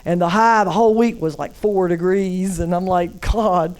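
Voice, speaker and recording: A woman's voice: on the low side, moderate pace, a little mellow. A woman from North Carolina with a Southern accent, doing a live stand-up set in a comedy club and teasing the crowd in a chatty drawl. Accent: Southern American.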